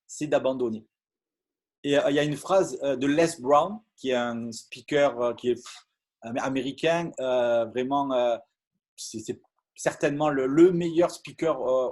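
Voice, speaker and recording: A man's voice: medium pitch, a little mellow, breathy edge. A man giving an earnest motivational talk on a video call, with many fillers and restarts. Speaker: business opportunity speaker.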